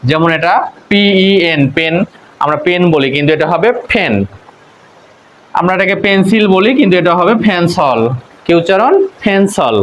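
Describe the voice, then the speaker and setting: A man's voice: high voice, fairly bright tone, a little hiss or hum, low-quality recording. Bangladeshi man drilling English sounds. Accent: Bangladeshi Bengali. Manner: slow, spelling words out and drilling them. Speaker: English pronunciation teacher. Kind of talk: spoken-English lesson.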